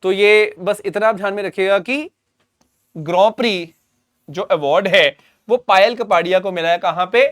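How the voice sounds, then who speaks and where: High-voiced Indian male coaching teacher. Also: normal speed, fairly bright tone, no echo, studio quality. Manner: explains simply, mixes Hindi with English phrases, repeats key points; calls students "beta". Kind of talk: current affairs lecture.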